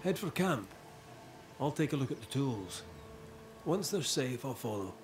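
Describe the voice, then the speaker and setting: An actor playing a calm, commanding ghost hunter in a video game, measured, assured and direct. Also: male voice, mid-range voice, over music. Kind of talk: dramatic video game acting.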